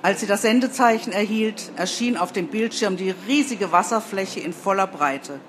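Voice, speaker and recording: A woman reads a story aloud with calm, even narration. Her voice is mid-pitched, and faint background noise sits behind it. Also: moderate pace.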